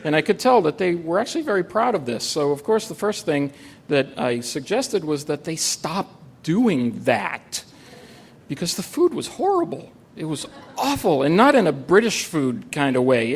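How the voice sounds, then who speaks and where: A man's voice: a little high, sing-song, normal speed, slight background noise. A man telling a true story on stage at a live event, with a wry, dry humor and frequent "uh" fillers. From United States.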